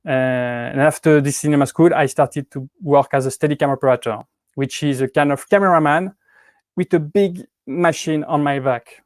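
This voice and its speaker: A man's voice: a little high, normal speed, dry recording, studio quality. A man in his thirties from Switzerland with a French accent, chatting casually on a livestream, hesitant with many restarts and fillers. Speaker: YouTube prop-making channel host. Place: indoors at home with cats.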